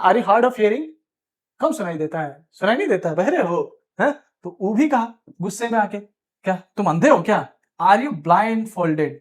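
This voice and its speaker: A man with an Indian accent teaching spoken English in Hindi, drilling phrases in slow, emphatic English and urging students to repeat. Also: high voice. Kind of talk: classroom lesson.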